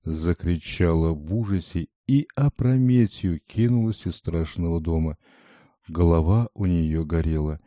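A man reading a fairy tale aloud in a measured, dramatic way, scripted storybook narration. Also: deep voice, warm tone, dry recording. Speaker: audiobook reader.

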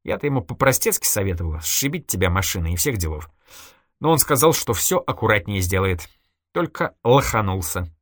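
A man reading an audiobook, voicing a cold, scheming woman who calmly mocks her friend. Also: on the low side, a little fast, no room sound, studio quality. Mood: mocking. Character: scheming cold female killer, calm and mocking.

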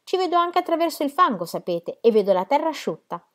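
A woman's voice: high-pitched, sing-song, quick pace, voice pushed up. A woman reading aloud voices a cocky male card player who mocks his rival and refuses to back down. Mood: taunting.

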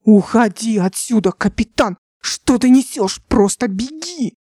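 An old male scientist answers in a subdued, pleading voice in an audiobook, as a woman reads his lines. Her tone is warm and mellow, recorded dry and close. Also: on the high side, expressive, measured pace, breathy edge, no room sound. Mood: anxious.

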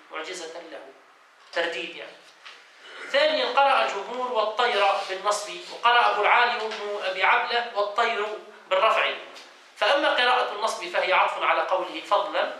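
Brief: male sheikh teaching a study circle, high, bright voice, distant and echoey. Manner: reads a passage, then explains it and quizzes students. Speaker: sheikh teaching Quran exegesis. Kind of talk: classroom lesson, reading and explaining. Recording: echoey room, voice from off-mic, faint noise.

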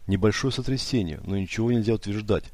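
A man narrating an audiobook in a steady, dramatic reading manner. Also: on the low side, fast, dry recording.

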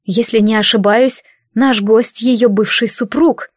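A woman reading the lines of a composed female temple guardian, quiet and steady in an audiobook. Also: a little high, a little slow, dry recording, studio quality. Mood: calm.

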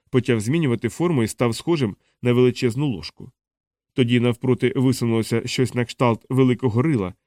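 Mellow male audiobook narrator. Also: mid-range voice, no echo, studio quality. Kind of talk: scripted narration.

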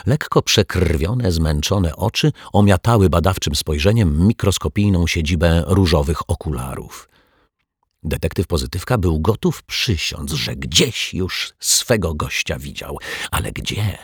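A man reading a children's story aloud in a lively, expressive way. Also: deep voice, a little slow, breathy edge, no room sound. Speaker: audiobook narrator. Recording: dry close recording.

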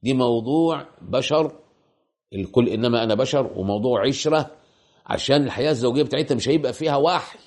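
A man's voice: medium pitch, fast talker, a little mellow. A man with an Egyptian Arabic accent giving a colloquial religious lecture, asking rhetorical questions and repeating points for emphasis. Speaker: preacher.

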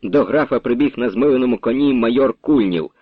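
A man narrating a literary story in a measured, expressive reading for radio. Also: mid-range voice, slightly rough, no room sound. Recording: dull dry radio recording.

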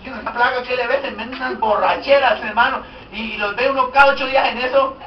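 A pastor delivers a humorous sermon, joking animatedly and putting questions to the congregation. His voice is very high and fast. The mic is distant in an echoey hall, the highs are cut off, and there's slight background noise.

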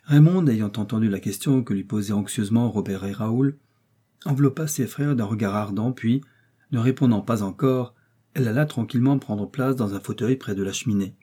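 A man reading an audiobook in measured storytelling narration. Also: lowish voice, warm tone, husky. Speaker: audiobook reader. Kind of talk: scripted narration.

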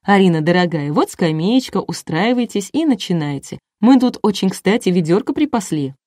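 A woman's voice: mid-range voice, lively intonation, moderate pace, darkish tone, no room sound, studio quality, close to an everyday voice. A woman reading an audiobook, voicing a showy male TV show host with hyped-up announcing.

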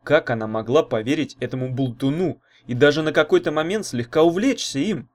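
Man narrating a storybook, lively pitch. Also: fairly quick. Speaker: audiobook narrator.

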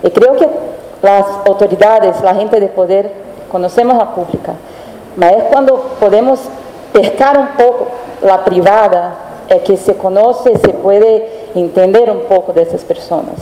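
A woman's voice: medium pitch, unhurried, warm tone, a little hiss or hum. A woman journalist with a Brazilian Portuguese accent, speaking a Spanish-Portuguese mix and searching for words as she answers on a panel. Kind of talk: spontaneous panel talk. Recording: echoey hall with long reverb.

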